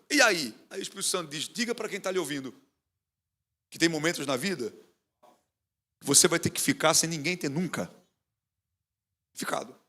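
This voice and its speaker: Brief: passionate man preaching, high and animated, questioning his congregation. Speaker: pastor. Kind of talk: sermon.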